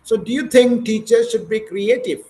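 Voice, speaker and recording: A man's voice: high voice, moderate pace, warm tone, low-quality recording. A man with an Indian English accent running an online spoken English session for teachers, asking questions and coaching in an encouraging way. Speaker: English speaking trainer. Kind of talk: online speaking practice session.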